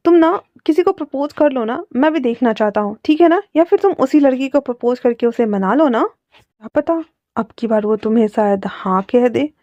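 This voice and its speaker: A woman's voice: sits high, expressive, moderate pace, warm tone, no echo. A woman voicing a cheerful, chatty young florist who teases his friend, in a dull lo-fi recording. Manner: chatty, teasing.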